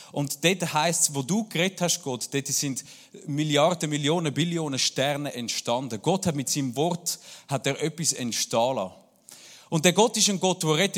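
A pastor with a Swiss German accent preaching a sermon and speaking personally to his congregation. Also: a little high. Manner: warm, personal address to the congregation.

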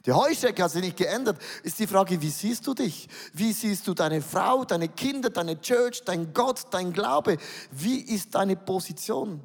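A man's voice: sits high, expressive, a little slow, slightly rough, big-room sound. A man with a Swiss German accent preaching a sermon, emphatic, repeating words and asking rhetorical questions.

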